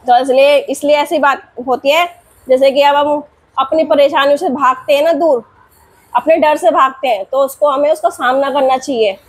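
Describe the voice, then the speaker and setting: A woman's voice: sits high, fairly even intonation, moderate pace. A young woman vlogger and mother telling a home story in a chatty, rambling way, repeating herself as she goes, then drawing a moral.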